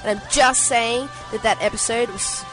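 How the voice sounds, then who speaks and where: A woman's voice: on the high side, normal speed, music in the background, rough recording. An eighteen-year-old woman with an Australian accent, hosting a podcast in a casual, chatty way. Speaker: podcast host.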